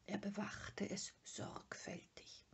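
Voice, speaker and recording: A woman reader narrating a children's book in a calm, measured way, sometimes dropping to a near whisper. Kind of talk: audiobook narration.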